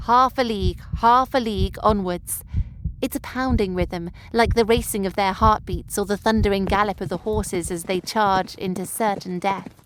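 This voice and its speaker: A woman, explaining a poem clearly and engagingly in a scripted tutorial. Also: mid-range voice, slight background noise. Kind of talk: scripted educational narration.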